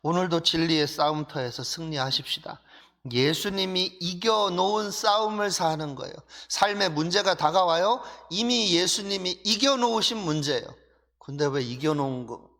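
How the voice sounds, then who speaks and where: Korean pastor preaching in a reverberant church. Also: male voice, a little high. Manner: animated preaching, voices pleading prayers, drops to soft near-whispers. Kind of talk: sermon. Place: church sanctuary.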